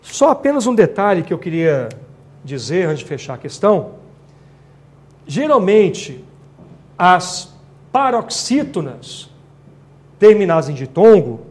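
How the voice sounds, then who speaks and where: High-voiced male teacher. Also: a little mellow. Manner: explanatory, checks in with tag questions. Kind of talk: exam-prep grammar lecture.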